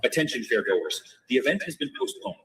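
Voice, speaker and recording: A man making a formal, repetitive public announcement over an outdoor loudspeaker at a fairground. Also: mid-range voice, sing-song, brisk. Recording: distant loudspeaker heard from far off.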